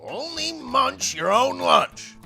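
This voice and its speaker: Man voicing Clark the Shark, excitable, high-pitched kid. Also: takes it slowly, vocal fry, faint music behind, exaggerated voice. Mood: determined, sing-song. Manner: excitable, emphatic, exclaiming. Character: exuberant young boy shark, boisterous and eager. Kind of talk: children's picture-book character voice.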